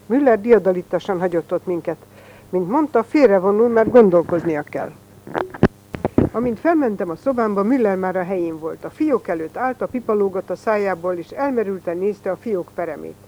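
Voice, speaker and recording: A reader narrating a first-person story in a plain, even storytelling manner. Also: mid-range voice, highs cut off, a little hiss or hum.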